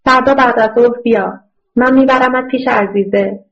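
A torn, emotional young married woman whose pleas rise urgently, read by a female narrator. Her voice is fairly high and the recording sounds muffled and lo-fi. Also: fairly even intonation, a bit bright. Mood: hesitant. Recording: muffled lo-fi audio.

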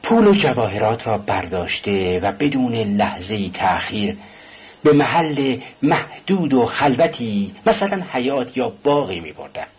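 A man voicing a brooding, tense young male student who taunts and mocks, with a husky voice in a dull lo-fi recording. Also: medium pitch, very animated. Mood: hushed. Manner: taunting, mocking.

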